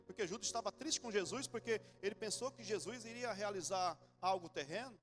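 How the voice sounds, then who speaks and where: A man in his forties with a Brazilian accent, preaching a sermon in church, animated and then suddenly soft and low. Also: brisk, faint music behind. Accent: Brazilian Portuguese. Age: 40s. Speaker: pastor.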